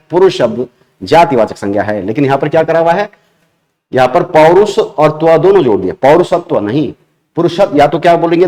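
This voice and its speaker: A man's voice: a little high, warm tone. A man with an Uttarakhand accent teaching an exam-prep grammar lesson. He explains step by step, repeats key terms and asks the class questions while he writes on a board.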